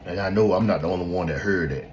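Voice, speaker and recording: A man with a very low, deep voice hosts a podcast and talks straight to his listeners. He speaks bluntly and with emphasis, swearing now and then in loose, unscripted commentary. A faint hiss sits behind the voice. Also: fast talker, low-quality recording. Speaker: podcast host. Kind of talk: casual opinion commentary. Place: at home in front of a laptop.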